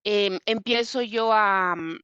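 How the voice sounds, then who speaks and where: Mexican woman guest, animated storyteller, lots of fillers, muffled dry recording. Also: medium pitch, slow, clean tone, no echo. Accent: Mexican Spanish. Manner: vivid retelling with many fillers. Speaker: interview guest. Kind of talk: personal storytelling.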